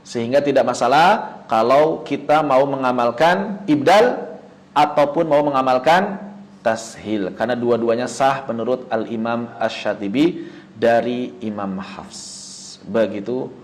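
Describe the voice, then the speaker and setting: A man teaching Quran recitation rules in an online lesson, who poses questions and answers them himself, chanting example words slowly. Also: mid-range voice, poor audio. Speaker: tajwid teacher.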